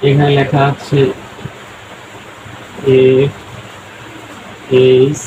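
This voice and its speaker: A man teaching a spoken-English lesson, slowly breaking words into syllables and repeating them as he writes. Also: medium pitch, monotone, noisy background. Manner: slow, repeats words syllable by syllable while writing.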